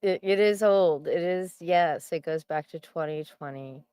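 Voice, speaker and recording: A woman's voice: on the low side, unhurried, mellow, clean tone, no room sound, studio quality. A woman casually commenting on a clip in a mocking, sweary way.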